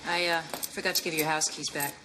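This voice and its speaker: A woman playing a brash, flirtatious woman in a 1990s sitcom, delivering sassy, deadpan comebacks. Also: deep voice, a little fast, close to an everyday voice. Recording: sitcom recording with audible background noise.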